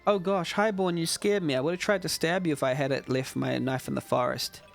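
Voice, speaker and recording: A man's voice: on the high side, fairly quick, vocal fry, soft background music, pitched above the performer's own voice. A man reading aloud the lines of a jumpy game villager, startled and joking. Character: jumpy villager who lost a knife.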